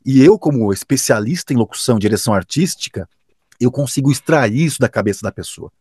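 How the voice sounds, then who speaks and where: Lively husky Brazilian announcer man. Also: medium pitch, fast, no room sound, studio quality. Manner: enthusiastic, emphatic, with frequent restarts. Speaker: professional announcer and radio director. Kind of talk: casual interview answers.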